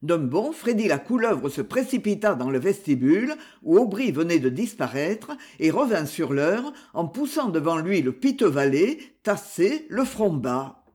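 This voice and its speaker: A narrator reading a classic novel aloud in a clear, expressive manner. The pitch moves freely, rising and falling with the phrases, and the voice sits in a middle register. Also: unhurried, hardly any pauses. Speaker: audiobook narrator.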